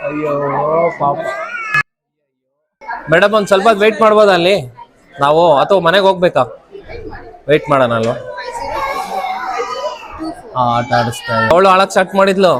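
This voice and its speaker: A woman, a parent narrating a vlog at her child's school and coaxing crying children in a high sing-song voice. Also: animated, normal speed, long pauses, noisy background. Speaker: parent vlogger. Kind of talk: handheld vlog commentary. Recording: music playing loudly over the talk.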